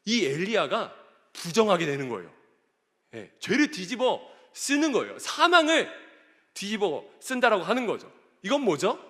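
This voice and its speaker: A man's voice: sits high, bright, forceful tone. A male pastor preaching a sermon in a church, reading scripture aloud and putting questions to the congregation. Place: church sanctuary. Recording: echoey church hall.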